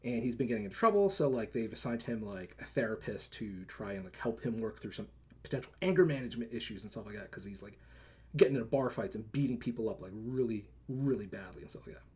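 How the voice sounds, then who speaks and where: A man's voice: fairly low pitch, animated, fast, a little mellow, slightly rough. Rambling man recapping a show. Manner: rambling, filler-heavy, lots of "like" and "right?"; acts out characters' lines in quotes. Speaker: podcast co-host. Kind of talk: casual chat recapping shows and movies. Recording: live-streamed podcast.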